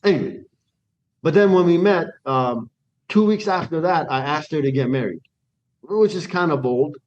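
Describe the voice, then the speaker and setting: Fairly high-pitched and moderately paced, an Iranian man shares his life story as a guest in an informal interview. He gets animated, restarts his phrasing, and acts out quoted conversations. The audio is lo-fi with a little hiss or hum.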